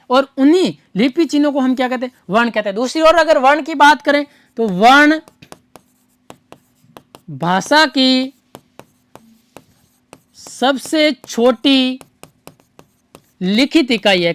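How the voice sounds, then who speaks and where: A woman's voice: high voice, expressive, measured pace, long pauses, no room sound. A woman teaching a grammar lesson for an exam, who keeps asking rhetorical questions and answering them at once, repeating each key answer.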